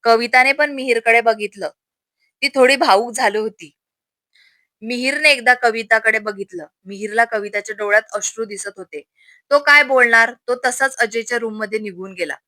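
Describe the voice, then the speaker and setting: Woman storyteller, steady narration, bright voice, dry recording. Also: a little high, normal speed, dry recording.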